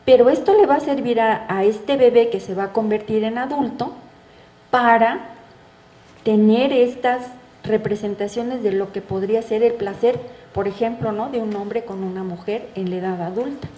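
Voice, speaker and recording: A woman's voice: a little high, normal speed, warm tone, echoey room, low-quality recording. A middle-aged woman, a psychoanalyst giving a public talk in a conversational way, often checking in with the audience through rhetorical questions. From Mexico. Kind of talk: public lecture. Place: bookstore event space.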